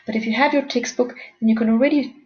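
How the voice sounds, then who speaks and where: A woman's voice: on the high side, steady tone, fast talker, slight background noise. A woman teacher giving a recorded grammar lesson, explaining patiently step by step and encouraging her students. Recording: dull lo-fi recording.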